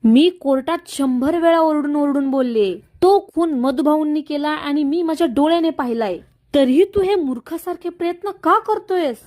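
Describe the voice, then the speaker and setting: A woman's voice: normal speed, natural voice. A woman voicing an angry, scheming young woman who hurls accusations at the man she was to marry. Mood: furious. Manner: shouting accusations, high and sharp. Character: furious scheming young woman, fiancée betrayed.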